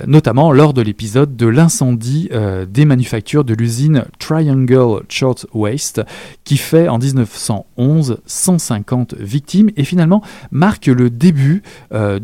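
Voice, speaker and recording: A man's voice: medium pitch, warm tone, no room sound. Chatty man reviewing a book. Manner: chatty, many hesitations and self-corrections. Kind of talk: book review chat with a read excerpt.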